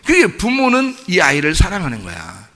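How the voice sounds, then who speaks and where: A middle-aged male pastor preaching in a high, bright voice that swings widely up and down. He talks to the congregation conversationally, throwing out rhetorical questions and acting out quoted voices. The sound carries the long reverb of a church hall. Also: huge pitch swings, normal speed. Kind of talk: sermon. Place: church sanctuary.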